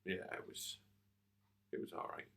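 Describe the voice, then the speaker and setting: A man, co-hosting a casual futsal club podcast, talking plainly with many restarts about refereeing frustrations. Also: moderate pace. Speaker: futsal coach and podcast co-host.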